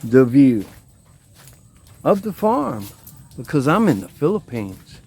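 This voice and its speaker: A man's voice: mid-range voice, big pitch swings, slow, darkish tone, slightly rough. A man vlogging casually and defiantly while walking outdoors with a handheld camera, rambling, a cigar in his mouth. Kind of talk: casual walking vlog tour. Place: outdoors at a rural family home.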